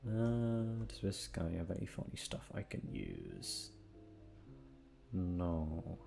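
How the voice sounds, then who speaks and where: Speaking slowly in a low, dark voice with vocal fry and wildly swooping pitch, a young man hosts an audio channel. He chats with listeners in a rambling, sweary, informal manner, with guitar music in the background.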